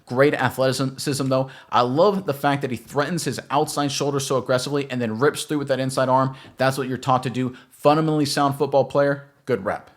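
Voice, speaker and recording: A man's voice: medium pitch, steady tone, a little fast, hardly any pauses. A man giving an emphatic, coach-like football film breakdown and talking straight to his viewers.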